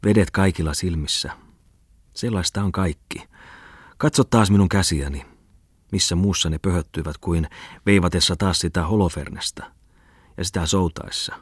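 A man voicing an excitable, garrulous male scholar in an audiobook reading, rambling in bursts. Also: low-pitched, slightly rough, dry recording, clean studio sound. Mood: agitated. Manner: rapid exclamatory rambling.

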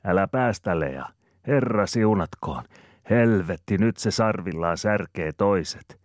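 A bustling peasant woman barks at her cows and children in sharp, scolding bursts, as a man reads her out. Her voice rides above his usual low register, loud and exclamatory. It is an audiobook, read close and dry. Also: lively intonation, no echo. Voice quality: shouting, scolding.

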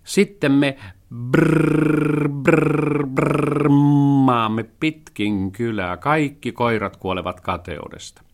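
A man voicing an eager, excitable male dog in a storybook reading, full of wishes and engine noises. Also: mid-range voice, pitched above the performer's own voice.

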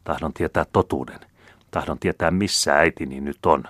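A man's voice: very deep voice, fairly bright tone, no echo. A man voicing a grim young nobleman. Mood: grim pleading. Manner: grim, insistent, pleading. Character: young nobleman, brooding and furious.

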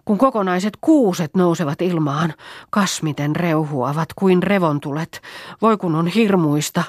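An excitable young peasant girl in an audiobook drama, voiced by a woman reader, crying out her fears. The voice is dry and close to the mic. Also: fairly low pitch, dry recording, lightly acted. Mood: alarmed. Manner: exclaiming, fearful.

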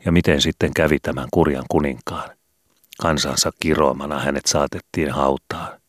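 A man reads a storybook aloud in a measured, even narrating voice. His voice sits very deep, and the recording is dry and close with no room echo. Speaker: audiobook reader. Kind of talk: scripted audiobook narration.

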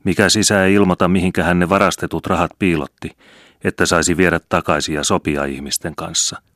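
A hot-tempered young man, as a male reader puts him on hurls loud, accusing words. The voice stays very deep and is recorded close and dry. It is an audiobook reading. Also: steady tone, no room sound. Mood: furious. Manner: shouting, accusing.

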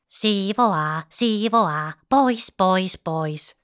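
A woman's voice: medium pitch, expressive, a bit bright, clean tone, lightly acted. A woman voicing a playful little sibling in a storybook tale, chanting in a singsong way. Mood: teasing.

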